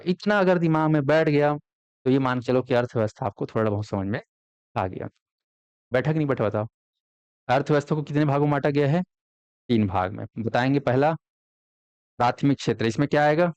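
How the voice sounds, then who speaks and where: During an exam coaching class, a man lectures and keeps quizzing his students, asking questions and answering them himself in call-and-response fashion. His voice is medium-pitched and a little mellow. The recording has no room sound, and its highs are cut off.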